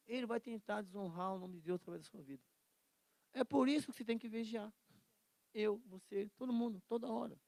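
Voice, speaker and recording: A man teaching an informal Bible class, animated and joking, acting out quotes. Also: high voice, no room sound. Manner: animated, acts out quotes, jokes and laughs.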